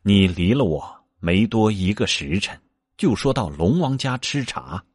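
Stern, gentle monk master, male, low and slow with a husky tone, read by a male storyteller. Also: big pitch swings, no room sound, clean studio sound, full character voice. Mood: admonishing.

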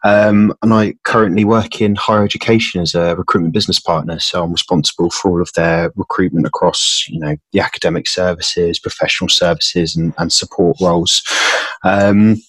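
A young man chats casually as a podcast guest, self-deprecating and laughing easily. His voice sits very low with a husky edge. The sound is dry and close. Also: fairly even intonation, brisk, a bit bright, dry recording. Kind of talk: casual chat.

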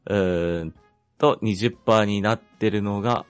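A man's voice: fairly low pitch, a little slow, smooth, faint music behind. A man chatting casually about his own life as a panelist, polite and a little hesitant, thinking aloud. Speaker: panelist on a hobby talk show.

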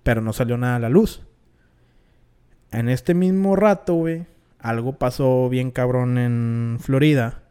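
A man with a Mexican accent and a smooth, clear voice at a medium pitch co-hosts a podcast. He tells stories casually and slangily, stretching them out with halting pauses. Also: warm tone. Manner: halting, slangy, drawn-out storytelling. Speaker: podcast co-host. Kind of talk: casual conspiracy storytelling.

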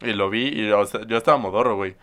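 Laid-back man with a smooth, clear voice, telling stories casually with slang. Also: fairly low pitch, quick pace, a bit bright. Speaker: podcast co-host or guest. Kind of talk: casual chat.

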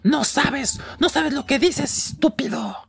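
A woman voicing the ghost of a dead nine-year-old boy who speaks low and hushed. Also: takes it slowly, gravelly, exaggerated voice. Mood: menacing.

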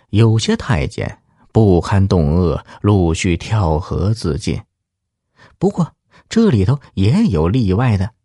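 A man's voice: lowish voice, mellow, no room sound, studio quality. A man telling a dramatic story in a theatrical way, with rhetorical questions and exclamations.

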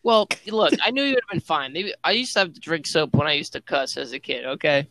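A man's voice: a little high, fast, vocal fry, a crowd in the background, rough recording. A young man guest in a casual chat among friends, making defensive, joking interjections.

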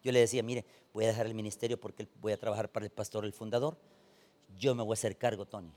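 A man preaching a sermon, telling stories and acting out the people in them, swinging from soft asides to loud points. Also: fairly low pitch, quick pace. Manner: animated storytelling, acting out quoted voices, swings from soft to loud. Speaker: pastor.

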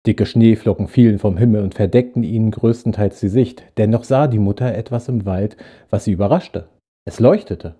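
A man hosting a short-story podcast, narrating a Christmas tale in a gentle, friendly way. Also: on the low side, normal speed, slightly rough. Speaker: podcast host reading short stories.

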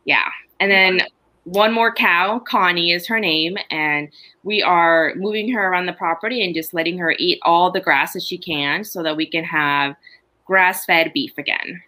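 In a lowish, unhurried voice, a middle-aged woman from Honduras recounts tales of her farm. She is a farmer appearing on a podcast, keeping things casual, chatty, and lively, often laughing.

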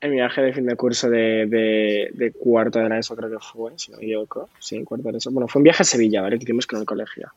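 A young man, co-hosting a casual podcast and telling stories in an animated, rambling way. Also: medium pitch, fast, hardly any pauses, muffled recording. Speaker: podcast co-host. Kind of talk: casual chat.

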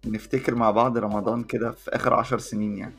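Male podcast co-host, Egyptian Arabic accent, rapid and creaky, casual chat delivery. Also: mid-range voice, little pitch movement. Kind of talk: casual chat between friends.

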